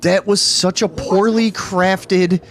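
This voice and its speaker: A man's voice: high voice, fairly even intonation, slow, crowd noise. A man hosting a podcast, bantering casually and critically in blunt, sweary language. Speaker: comedy podcast host.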